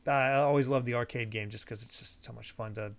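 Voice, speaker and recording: A man's voice: medium pitch, steady tone, a little fast, gravelly, slight background noise. A man hosting a casual gaming podcast, chatty and upbeat, laughing often. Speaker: podcast host.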